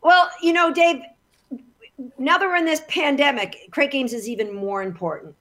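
A woman from Canada who trains dogs, enthusiastic and quick as a radio guest. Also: high-pitched, pushed and bright. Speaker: guest, professional dog trainer. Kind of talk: radio interview.

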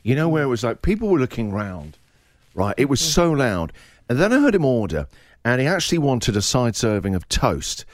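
A middle-aged man hosting a radio show, telling a story in a casual, animated way, laughing and acting out the other people in it. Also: mid-range voice, moderate pace, no room sound, studio quality. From England. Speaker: radio host.

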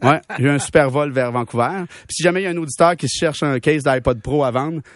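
High-voiced Québécois guy telling a comic story. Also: quick pace, no echo, clean studio sound. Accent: Québécois French. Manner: animated, slangy, laughing at his own jokes. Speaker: radio show humor columnist. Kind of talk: comic storytelling on a radio show.

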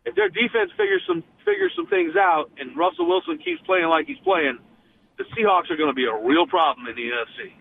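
Brief: fired-up male sports radio guest, tinny phone-line sound, slightly high voice. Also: very animated, a little fast, gravelly, slight background noise. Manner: impassioned, frustrated, many restarts.

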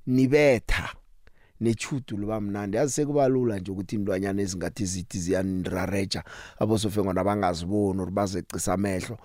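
A man's voice: on the low side, a little mellow, no echo, studio quality. A South African man hosting a radio sports talk show, speaking emphatically and rhetorically with strong opinions.

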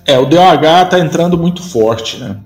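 A man's voice: a little high, lively intonation, normal speed, soft background music. A man giving confident predictions in an interview, emphatic and repeating words for effect. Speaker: guest, industry association president.

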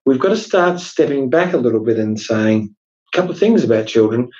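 A man's voice: medium pitch, lively intonation, a little fast, darkish tone. Aussie guy chatting workplace law on a podcast, asks himself questions then answers, a bit dull lo-fi audio. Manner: chatty, emphatic, explains with rhetorical questions. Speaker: podcast co-host, workplace lawyer. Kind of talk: casual legal discussion podcast.

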